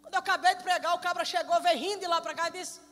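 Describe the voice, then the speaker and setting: A middle-aged woman missionary, giving a lively, animated testimony sermon, recorded live in a church hall with music behind. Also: very high-pitched, very fast. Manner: lively, animated storyteller who laughs and shouts. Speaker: missionary preacher.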